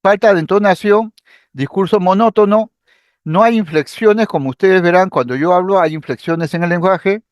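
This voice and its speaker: A high-pitched man teaches a medical class. He explains step by step with lively rises and falls, slipping in an occasional filler or restart. The recording is dry and close. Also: moderate pace, no room sound. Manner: explanatory, acts out patient speech examples. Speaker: psychiatry lecturer.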